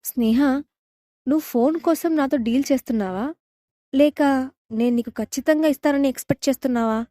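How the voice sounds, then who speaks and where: A woman reading the part of a calm, controlling young man in a romance audio story, speaking firmly. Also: sits high, fairly quick, pauses often, dry recording, clean studio sound, close to an everyday voice. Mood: patient. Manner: calm, firm, sometimes shouting.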